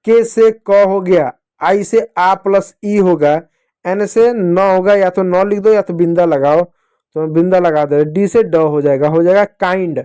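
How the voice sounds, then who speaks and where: A man teaching children to read English words, spelling them out slowly sound by sound and calling his pupils dear kids. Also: high voice, warm tone, clean tone. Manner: slow, syllable-by-syllable spelling out of words. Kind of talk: phonics lesson for kids.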